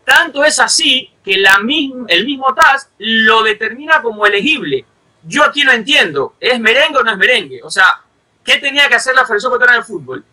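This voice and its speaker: A man's voice: extremely high pitch, very animated, brisk, sharp tone, poor audio. A man, a journalist from Ecuador, arguing insistently in a heated football debate, pressing points with repeated rhetorical questions. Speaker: journalist panelist.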